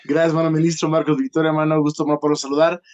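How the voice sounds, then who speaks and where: A man delivering an earnest church sermon in a slightly raised voice. He turns to the congregation after almost every phrase, with filler sounds and hesitant pauses between his thoughts. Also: a little high, flat delivery, darkish tone. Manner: peppers nearly every phrase with a direct address to the congregation. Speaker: guest preacher.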